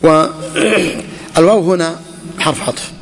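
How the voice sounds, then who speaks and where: A man's voice: fairly high pitch, slow pace, in a large hall. A man teaching an Arabic grammar lesson to students, repeating each phrase and quizzing the class with questions.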